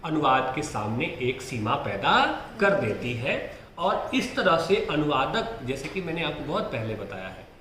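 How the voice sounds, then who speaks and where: A man's voice: a little high, sing-song, a little slow, pushed and bright, reverberant, slight background noise. A man teaching Hindi exam prep, who asks rhetorical questions, answers them himself and keeps checking in with his students.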